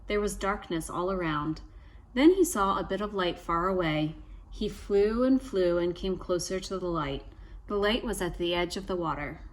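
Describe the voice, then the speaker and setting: A woman's voice: fairly low pitch, normal speed. A woman reading a trickster tale aloud from a picture book, prompting young listeners with questions and wondering aloud. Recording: steady background ambient noise.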